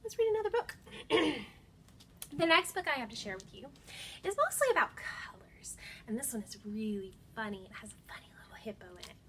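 A storytime host in her thirties talks brisk and bright, her slightly high voice leaping through huge pitch swings as she sings and reads aloud to young children. Her manner is warm and encouraging, recorded indoors by large windows on a camera mic with a faint hiss or hum.

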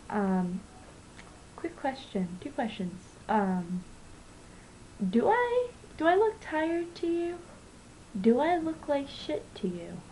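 A woman's voice: mid-range voice, warm tone, rough recording. Young woman vlogger, casual sarcastic rant, self-mocking, laptop-mic sound, faint hiss behind. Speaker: student vlogger. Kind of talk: casual vlog monologue.

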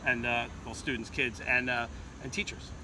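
A man's voice: mid-range voice, little pitch movement, normal speed. A middle-aged man, a school principal, chatting outdoors in an interview, with frequent hesitant fillers. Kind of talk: casual interview chat. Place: outdoor parking lot. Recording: outdoor traffic noise. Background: traffic and outdoor ambience.

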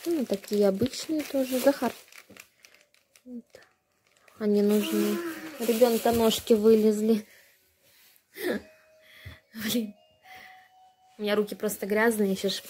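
A young woman, a vlogger and mother of a baby, chats casually while unboxing her purchases at home, holding the phone from behind the camera in a space with tiled and wooden floors. Her voice is mid-range and mellow, with a little hiss or hum.

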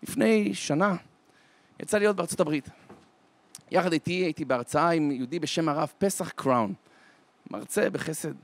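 A rabbi giving an inspirational holiday talk as a dramatic storyteller, slowing down to stretch his words for emphasis. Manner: dramatic storyteller with wide swings in pitch and loudness; slows to a drawn-out, deliberate delivery for emphasis. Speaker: rabbi and lecturer.

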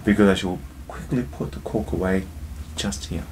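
A man's voice: low-pitched, normal speed, darkish tone, a little hiss or hum. A man hosting a casual drinks review vlog, chatty and jokey, talking straight to his viewers and telling a joke along the way.

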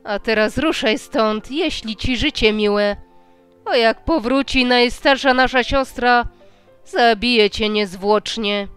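A woman voicing a suspicious elder witch sister who gives forceful, loud commands, in a slow storybook reading. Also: on the high side, smooth, faint music behind. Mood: commanding.

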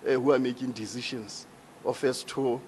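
A man's voice: medium pitch, steady tone, moderate pace, a little mellow, a little hiss or hum. A man with a South African accent, a regional party executive, explaining procedure formally into a handheld mic in a large hall. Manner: formal, explanatory, rising emphasis. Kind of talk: town hall debate answer. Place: large indoor hall with seated audience. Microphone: handheld microphone.

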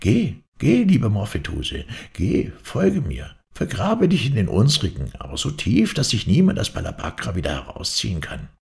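A man's voice: wildly swooping pitch, normal speed, vocal fry, few pauses, a little mellow, exaggerated voice. A man voicing a once-old woman made young again, telling her tale to a friend in a storybook reading. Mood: coaxing. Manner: chatty storytelling, wide swings in pitch.

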